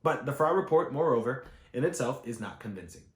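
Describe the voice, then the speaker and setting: An audiobook narrator reads a scholarly history text aloud, his delivery measured, emphatic and formal. His voice is medium-pitched and expressive, and the room sounds echoey.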